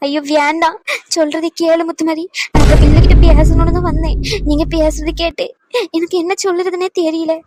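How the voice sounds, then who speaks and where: A woman's voice: very high-pitched, level tone, a little fast, very noisy. A woman voicing a worried, tearful mother in a cartoon, speaking in a sorrowful, plaintive way.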